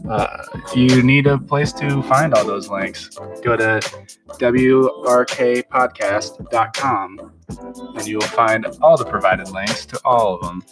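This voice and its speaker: Male podcast host, laid-back, joking, lots of fillers, sits back from the mic, clear music underneath. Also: lowish voice, normal speed, distant mic. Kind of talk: casual podcast chat.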